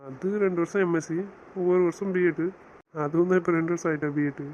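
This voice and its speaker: A man's voice: a little high, fairly even intonation, quick pace, darkish tone, highs cut off, slight background noise, close to an everyday voice. A man playing a teasing, bossy young husband in an audio romance series, scolding his wife in playful banter.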